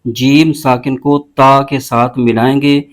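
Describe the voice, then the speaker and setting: A man teaching a recitation lesson, explaining pronunciation rules and spelling out syllables slowly and deliberately. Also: medium pitch, flat delivery. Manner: slow, drawn-out spelling of syllables between brisk explanations. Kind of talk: word-by-word tajweed lesson.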